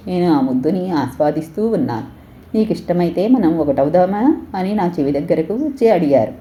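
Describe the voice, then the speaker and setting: Low, dark-voiced woman storyteller. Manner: gentle, measured first-person reading. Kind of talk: audio story narration.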